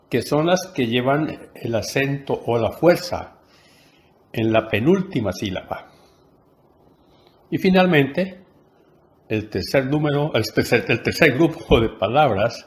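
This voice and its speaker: A man teaching a Spanish lesson, explaining patiently and repeating key terms for emphasis. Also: mid-range voice.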